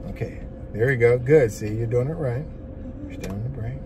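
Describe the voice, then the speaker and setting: A man's voice: medium pitch, normal speed, very noisy. A man acting as a driving instructor, giving hands-on lessons in short, repeated directions inside a vehicle. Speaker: driving instructor, teaching a learner. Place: inside a parked or slowly moving van.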